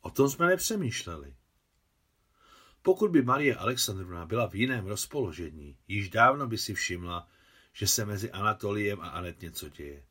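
A man reads a novel aloud as its translator, narrating in an expressive literary style. His pitch moves a lot across each sentence. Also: slightly rough. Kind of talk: audiobook narration.

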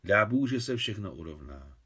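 A man voicing a cheerful, warm-hearted older mother figure who talks in a gentle, soothing, motherly way. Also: lowish voice, very animated, husky, exaggerated voice.

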